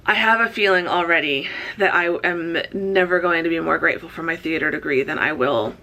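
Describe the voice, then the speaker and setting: Chatty woman vlogger with a gravelly, bright voice. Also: fairly low pitch, fairly quick. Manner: chatty, upbeat, rambling with fillers. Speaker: author and college writing teacher vlogger. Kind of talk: casual vlog chat to camera.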